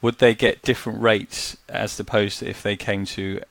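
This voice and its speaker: A man co-hosting a podcast and asking the guest steady, methodical questions. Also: on the low side, normal speed, creaky. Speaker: podcast co-host, financial planner. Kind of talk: interview questions.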